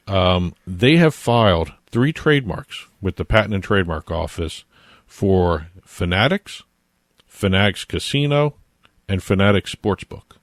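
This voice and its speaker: Deep-voiced man explaining legal details. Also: no echo, clean studio sound. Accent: New Jersey. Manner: explains at length, chatty with fillers. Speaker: co-host, trademark attorney. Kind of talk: casual podcast chat.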